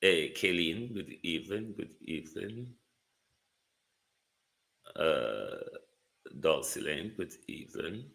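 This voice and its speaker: A man with a Jamaican accent hosting a live political talk stream, speaking theatrically, moving between calm and indignant heat. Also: low voice, slow, gravelly, long pauses. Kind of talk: live political commentary to viewers.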